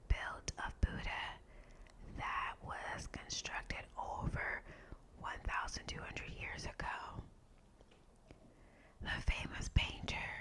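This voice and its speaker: A woman whispering in a breathy, unvoiced ASMR style as she hosts and reads out short facts. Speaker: ASMR video host.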